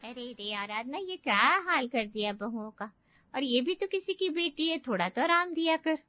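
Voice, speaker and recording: Scolding neighbor aunty, high-pitched, dull lo-fi cartoon sound. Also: female voice, animated, normal speed, no echo. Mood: chiding. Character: nosy middle-aged neighbor aunt, scolding.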